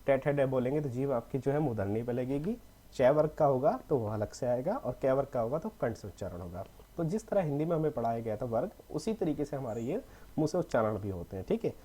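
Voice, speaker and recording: A young man with a medium-pitched, dark-toned voice teaches a casual lesson. He's repetitive, keeps checking in with "okay" and a frequent "theek hai," and slips English words into his speech.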